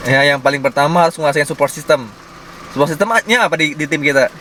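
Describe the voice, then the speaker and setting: A man's voice: fairly high pitch, quick pace, bright, forceful tone, a little hiss or hum. A young man coaching his sales team in a casual group session, chatty and confident, leaning on words with a bouncy intonation.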